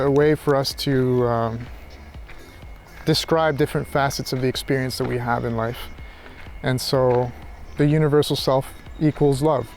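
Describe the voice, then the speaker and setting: With a medium-pitched, slightly mellow voice, this man, a philosophy vlogger, muses in an unscripted reflective monologue. He sounds hesitant and searching, frequently looping back over what he's just said.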